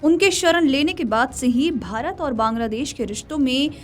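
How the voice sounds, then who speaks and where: High-pitched female news presenter over music. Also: normal speed. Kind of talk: scripted news narration. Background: faint music.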